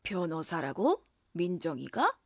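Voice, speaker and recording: A woman's voice: on the low side, wildly swooping pitch, a little slow, dry recording, studio quality, voice pushed down, exaggerated voice. A woman voicing a stern, imperious older mother-in-law in a voice drama, scolding in an old-fashioned commanding way.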